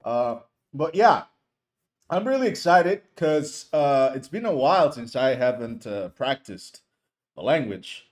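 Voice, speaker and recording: This man's mid-range voice swings widely in pitch and moves a little slowly. A native Spanish speaker, he instructs courses and streams, teaching live in a casual way with hesitant delivery, frequent fillers, restarts, and warm side comments.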